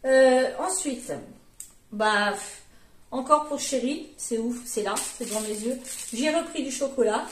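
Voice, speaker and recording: A woman's voice: high voice, a little slow, noisy background. A woman in her forties chatting casually in a vlog, rambling along with lots of fillers and self-corrections. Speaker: vlogger, mother. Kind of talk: casual grocery haul chat. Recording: echoey room.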